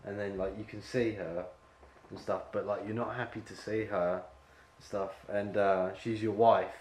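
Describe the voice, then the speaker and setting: A man's voice: lowish voice, little pitch movement, moderate pace, a little mellow. Man, director at an audition, rambling, lots of fillers, echoey room, faint background hum. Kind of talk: coaching an actor at an audition.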